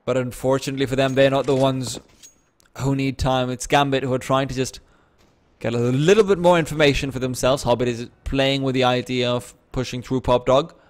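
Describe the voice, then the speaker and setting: Calling an esports match at a rapid clip, this mid-range-voiced man livens up whenever a big play lands. He also drops in jokes at his own expense.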